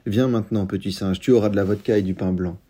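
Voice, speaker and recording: In a storybook reading, a rough, childish young farmhand shouts and taunts in a husky, dark voice, as a male narrator plays him. He sounds loud and excitable. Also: lowish voice, fast. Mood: boisterous.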